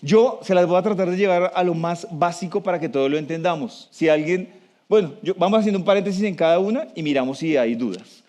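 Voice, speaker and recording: A man with a fairly high voice gives a talk to a live audience. He speaks conversationally, often turns to the room with questions, and slows down to stress key points. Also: darkish tone. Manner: slows down for emphasis.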